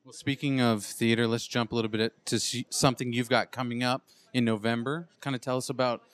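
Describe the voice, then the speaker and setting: A man's voice: mid-range voice, little pitch movement, fairly quick. A man hosting red carpet interviews at a film premiere with upbeat promotional patter.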